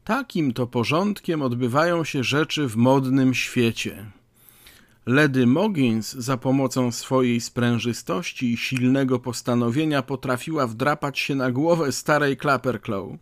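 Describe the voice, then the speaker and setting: A man narrating an audiobook in a measured, wryly ironic way. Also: medium pitch, no room sound.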